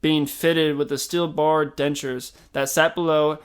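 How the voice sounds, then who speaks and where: A man's voice: a little high, little pitch movement, measured pace, clean tone. A young man co-hosting a podcast as the film expert, chatting casually, swearing freely and reading trivia aloud.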